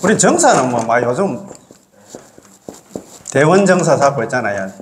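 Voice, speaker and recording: Folksy lecturing monk in an echoey room. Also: male voice, mid-range voice, sing-song, moderate pace, noisy background. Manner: folksy, keeps asking the class to agree. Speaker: Buddhist monk teaching a class. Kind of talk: casual classroom lecture.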